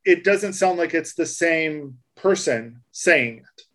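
A man's voice: a little high, lively intonation, takes it slowly, a bit bright. A man on a casual tech podcast, patiently explaining things and restarting his sentences. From United States. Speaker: co-host explaining voice tags.

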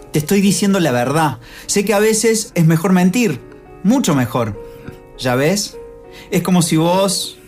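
A woman's voice: deep voice, a little mellow. Woman playing a desperate lover on the phone. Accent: Rioplatense Spanish. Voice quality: pleading, tender, anxious. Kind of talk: dramatic monologue reading.

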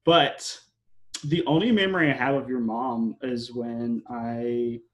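A man's voice: mid-range voice, steady tone, measured pace. A young man hosting a casual podcast, rambling with many fillers and restarts and using slang like "yo" and "y'all". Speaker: podcast host.

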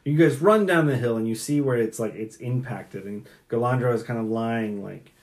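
Young man, game master, casual halting narration, many fillers, mid pitch.

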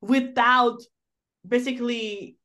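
A woman's voice: on the high side, fairly even intonation, takes it slowly, sharp tone. A woman co-hosting a podcast, chatting casually about a film, full of fillers and restarts. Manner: rambling, many fillers like "like" and "you know". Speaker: podcast co-host. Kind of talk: casual film review chat.

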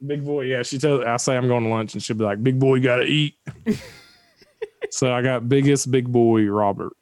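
A man chats casually with a cohost, wandering through his story with jokes and frequent laughter. His voice sits at an ordinary middle pitch. The recording is dry and close, with no room sound. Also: steady tone, moderate pace, a little mellow, dry recording. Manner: rambling and joking, laughs often. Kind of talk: casual chat.

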